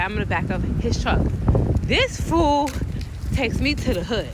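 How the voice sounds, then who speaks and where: An American woman telling a story casually, animated and slangy, often acting out the voices of other people. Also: fairly high pitch, very noisy. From United States.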